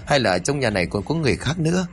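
A man's voice: medium pitch, sing-song, fast talker, breathy edge, pitched above the performer's own voice. A man doing a frightened village wife. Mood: anxious. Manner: anxious, pleading. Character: frightened middle-aged wife of a rural household.

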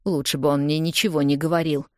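Woman doing guilty young guy explaining himself, low earnest voice, dry audiobook sound. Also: little pitch movement, fast, no room sound, natural voice. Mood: defensive, pleading. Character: guilty young man pleading with his ex. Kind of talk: audiobook dialogue reading.

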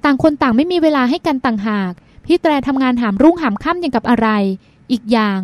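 A teasing, stubborn young woman with a pouty, bratty manner, read by a woman in an audiobook. Her voice sits high, with a close, dry sound. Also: expressive, fast, dry recording. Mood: playful.

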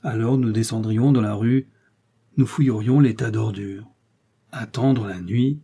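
A man reading a short story aloud as narrator, in a measured storytelling manner. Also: mid-range voice, dark tone, husky. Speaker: audiobook reader. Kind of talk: scripted narration.

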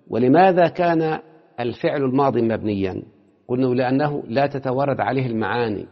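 A man with an Egyptian Arabic accent teaching Arabic morphology, breaking up his classroom lecture with quick questions to his students. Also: medium pitch. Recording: lo-fi with long hall reverb.

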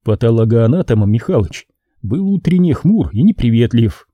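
A man narrating an audiobook with wry, lively storytelling. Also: mid-range voice, moderate pace, dry recording, dull audio. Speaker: audiobook reader.

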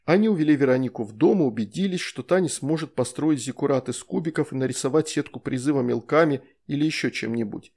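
A man narrating an audiobook in a lively, expressive reading. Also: medium pitch, fast talker, hardly any pauses. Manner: lively, performs all character voices. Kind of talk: scripted narration.

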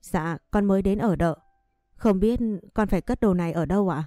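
Woman reading as a shy polite teenage maid, mellow, dry read. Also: medium pitch, fairly quick, no room sound, soft background music, close to an everyday voice. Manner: polite, deferential.

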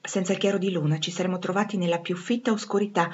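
A woman reading a classic novel aloud in a measured, expressive way. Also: on the low side, highs cut off. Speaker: audiobook reader. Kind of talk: literary audiobook narration.

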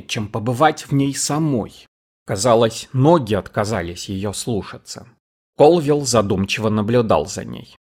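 A man reading a science-fiction audiobook in steady scripted narration. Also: medium pitch, husky. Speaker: audiobook reader.

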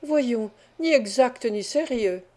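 A woman's voice: a little high, animated, takes it slowly, a little mellow. A woman voicing an accused man in an audiobook, protesting his innocence with growing desperation. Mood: indignant. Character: accused male clerk, indignant and desperate.

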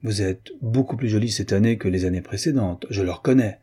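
Reading an audiobook in a fairly low, brisk voice that's mellow and slightly rough, a man voices a chatty aristocratic Parisian woman. She teases, mocks and gossips.

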